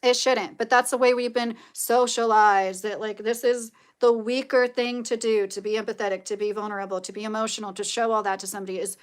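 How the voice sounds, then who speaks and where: Reading out viewer comments on her casual livestream, this Kentucky woman rambles and shares opinions, filling her speech with "like" and "you know." Her nasal voice sits at a medium pitch and sounds clean, with fairly even intonation, a slightly fast pace and hardly any pauses.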